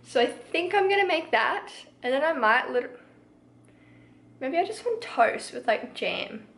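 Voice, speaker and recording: A woman's voice: sits high, expressive, a little slow, gravelly, a bit bright, low-quality recording. A young woman with a New Zealand accent, chatting casually to her camera in her home kitchen, upbeat and rambling with lots of "like". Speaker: fitness vlogger. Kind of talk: casual vlog chat.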